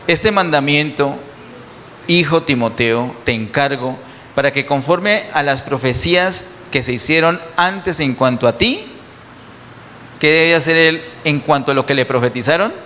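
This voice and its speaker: A man's voice: fairly high pitch, measured pace, bright, forceful tone, a little hiss or hum. A man preaching a sermon to his congregation, emphatic and full of rhetorical questions, in a church. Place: church hall. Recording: distant sound with long hall reverb.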